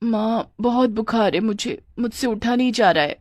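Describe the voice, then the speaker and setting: A woman's voice: a little high, steady tone, brisk, no room sound, pitched above the performer's own voice, lightly acted. A woman doing a whiny, scheming young wife.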